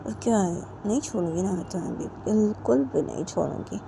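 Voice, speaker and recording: A woman voicing a playful, clingy young woman who teases and keeps prodding with soft questions. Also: medium pitch, brisk, creaky, noisy background, close to an everyday voice. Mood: coaxing. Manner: teasing, keeps asking "hmm?".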